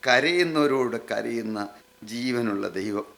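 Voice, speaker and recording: A man delivers a sermon in a mid-pitched voice, pressing the same phrases again and again. He drags out the key words for weight and keeps turning to his listeners with direct questions. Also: creaky, fairly bright tone. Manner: repetitive, emphatic phrasing with slowed, drawn-out lines. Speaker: preacher.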